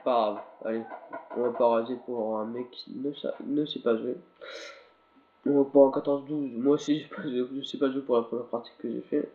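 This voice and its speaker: Male gaming commentator, a bit under the weather, loose and halting delivery; tinny echoey recording. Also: medium pitch, fairly even intonation, a little hiss or hum. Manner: rambling, halting, talks to viewers while playing. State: a little sick. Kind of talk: casual gameplay commentary. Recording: tinny, lo-fi, echoey capture with faint game ambience.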